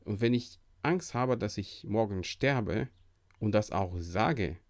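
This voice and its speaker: A man's voice: fairly low pitch, lively intonation, slow, no echo, clean studio sound. A man hosting a devotional podcast, talking earnestly and encouragingly in a preacher-like way. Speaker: podcast host.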